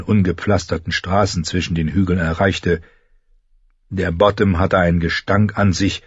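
A man narrating a fantasy story in an audiobook with measured, even delivery. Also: low-pitched, slightly rough, no echo, dull audio.

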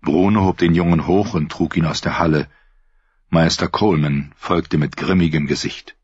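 A man reading a story aloud in a steady, even narration. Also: extremely low pitch, moderate pace, slightly rough, dry recording. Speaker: audiobook narrator. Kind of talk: scripted narration. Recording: dull lo-fi dry recording.

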